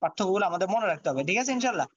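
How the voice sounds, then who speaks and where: A man teaching a Quran reading lesson, slowly reciting and spelling Arabic letters aloud in a drilled rhythm. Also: sits high, lively intonation, dry recording, dull audio.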